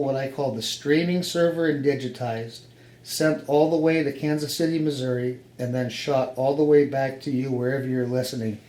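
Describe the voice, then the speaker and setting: In a mellow, mid-range voice, a man with an American accent shows off his hobby radio setup, explaining each piece of equipment casually. The tour takes place indoors, in the radio room of his home office. A roomy echo and faint background noise are audible.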